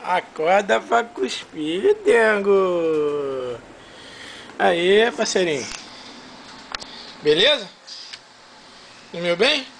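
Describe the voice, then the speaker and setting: A man's voice: sits high, very animated, very slow, gravelly, long pauses, a bit bright, slight background noise. A man with a Brazilian accent filming a baby at home and talking to it in a playful, coaxing sing-song. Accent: Brazilian Portuguese.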